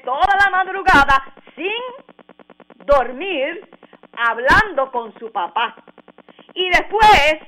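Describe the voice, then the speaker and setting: A woman's voice: high voice, bright, forceful tone, low-quality recording. A woman preacher delivering a fervent sermon, firing rhetorical questions at her listeners and calling out hallelujah.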